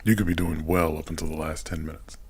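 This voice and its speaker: A man's voice: extremely low pitch, steady tone, fast, slightly rough. A man co-hosting a casual podcast, talking about movies bluntly and dismissively. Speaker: podcast co-host.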